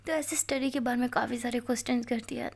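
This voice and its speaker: A woman's voice: a little high, steady tone, fast, vocal fry, a little mellow. A woman narrating a love story in a plain, conversational way.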